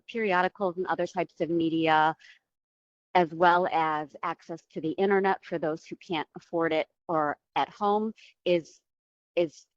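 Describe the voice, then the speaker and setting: A woman's voice: on the low side, no room sound. A woman heard over a phone speaker, calling in from an airport, answering interview questions hesitantly with many ums. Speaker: library board candidate. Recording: muffled lo-fi call audio.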